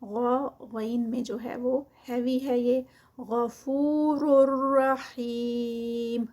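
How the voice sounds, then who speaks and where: A woman gives a recitation lesson with a slightly high voice. She chants each phrase slowly and stretched out, then drops into quick, matter-of-fact explanation of the rules. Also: level tone, dark tone. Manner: alternates slow drawn-out recitation with quick explanations. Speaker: Quran recitation teacher. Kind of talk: tajweed lesson with slow recitation.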